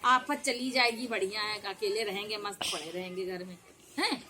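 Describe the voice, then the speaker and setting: A woman's voice: medium pitch, steady tone, moderate pace, background noise, voice pushed down, natural voice. A woman doing a smug, lazy wicked husband.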